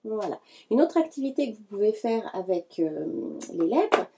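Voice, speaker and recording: A woman calmly explaining a hands-on learning activity to parents, speaking directly to them in a patient tutorial style. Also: medium pitch, moderate pace, noisy background. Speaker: early-learning educator.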